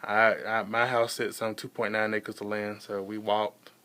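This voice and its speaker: A young American man talking casually to viewers in a personal vlog, halting and rambling, repeating himself for emphasis. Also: on the low side, monotone, pushed and bright, clean tone. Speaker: vlogger.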